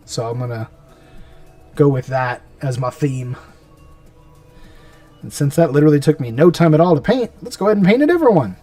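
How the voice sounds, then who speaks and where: A man's voice: mid-range voice, mellow, no room sound. A man streaming himself painting miniatures, chatting casually and muttering to himself as he works. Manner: rambling, talks to himself as he works. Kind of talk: casual live-stream chat while painting. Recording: mic a bit far off, music behind.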